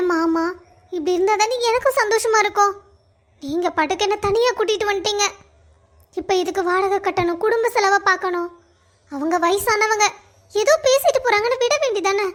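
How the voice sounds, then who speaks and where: A woman's voice: very high-pitched, fairly bright tone. A woman voicing a young pregnant daughter-in-law, defiant when insulted and caring toward family. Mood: tender. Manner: fiery when wronged, tender with family.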